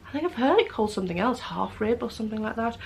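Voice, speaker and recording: A woman's voice: a little high, lively intonation, racing, vocal fry, slight background noise. A woman vlogger chatting casually to camera, rambling with many fillers and restarts. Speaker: knitting vlogger.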